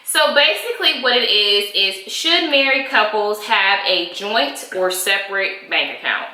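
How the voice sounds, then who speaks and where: A woman talks in a casual chat vlog, her voice bright and forward. She chats loosely, dropping frequent ums. The room around her echoes noticeably. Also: mid-range voice, lively intonation, a little slow. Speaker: co-host of a married-couple channel. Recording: roomy echo.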